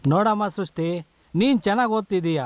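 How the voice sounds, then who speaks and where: A man's voice: sits high, fast, a little hiss or hum, close to an everyday voice. A man playing a kindly village school teacher who soothes and encourages his pupil. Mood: encouraging. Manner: soothing, paternal. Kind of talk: low-budget film acting.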